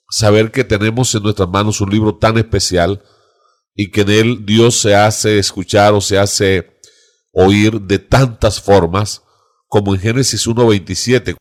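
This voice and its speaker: A man discussing scripture in a reflective, devout teaching tone on a church discussion show. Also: lowish voice. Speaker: pastor. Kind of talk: Bible study discussion.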